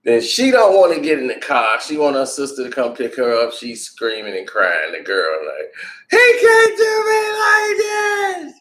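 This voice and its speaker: Animated man telling a casual story. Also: medium pitch, moderate pace, reverberant. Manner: animated, slangy anecdote-telling. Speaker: vlogger.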